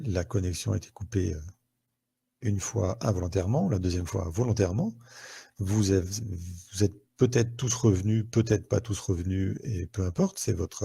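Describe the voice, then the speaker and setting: Gravelly low-voiced French man hosting live. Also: mellow. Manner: conversational, asks viewers questions, uses many fillers. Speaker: therapist hosting a live online show. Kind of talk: live-stream talk to viewers. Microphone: headset.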